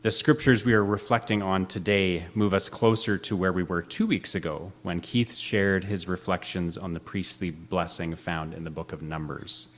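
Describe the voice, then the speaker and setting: Low-voiced preacher. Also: male voice, steady tone, slight background noise. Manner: measured, reflective, questioning. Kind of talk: sermon. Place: church sanctuary with slides.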